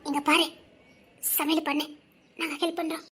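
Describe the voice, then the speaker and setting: A woman's voice: high-pitched, level tone, normal speed, pushed and bright, voice pushed down. A woman voicing a firm female friend who reassures and advises the wife in a web drama.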